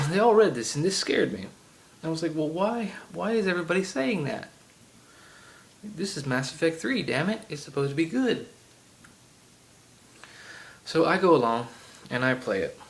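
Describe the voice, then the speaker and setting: Recorded on an iPod camera, this man speaks with a heavy Southern accent in a slightly high, sing-song, creaky voice, at a moderate pace with frequent pauses. He's a gaming vlogger rambling through a casual game rant, chatty and loaded with ums, asides, and tangents.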